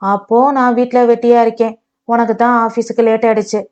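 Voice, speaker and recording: Sarcastic, accusing young husband, read by a woman, slightly high voice, dull lo-fi sound; storybook. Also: level tone, brisk, a little mellow, lightly acted. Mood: angry. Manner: mocking, accusing. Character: bitter sarcastic husband, young adult man.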